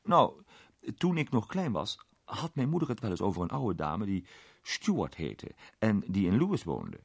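A man performs the role of Arthur, an eager young man who trips over his words, in a heavily acted voice pitched above his own. It's fairly low yet wildly swooping in pitch, measured in pace, with vocal fry and a breathy edge, in a dry, studio-quality recording.

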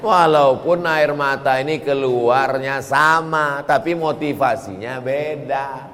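A man preaching a sermon, lively and breaking into chanted prayers now and then. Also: medium pitch, slow, a little hiss or hum. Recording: long hall reverb.

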